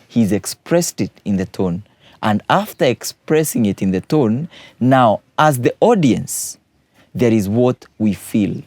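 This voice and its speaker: Mellow-voiced teacher explaining. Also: male voice, fairly low pitch, dry recording. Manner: patient, explanatory, repeats key points. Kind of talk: exam revision explanation.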